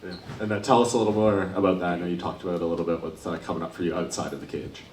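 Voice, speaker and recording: A man's voice: sits low, fairly even intonation, very fast, a little mellow. A man asking questions as a reporter at a press interview. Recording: echoey, distant mic, background noise.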